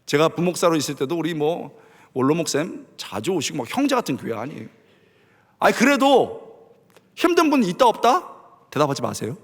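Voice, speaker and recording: A man's voice: a little high, fairly quick. A middle-aged man preaching a sermon as a pastor, telling stories with acted-out voices and sound effects. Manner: animated storytelling, acting out quotes and sound effects. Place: church sanctuary. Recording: long reverb of a church hall.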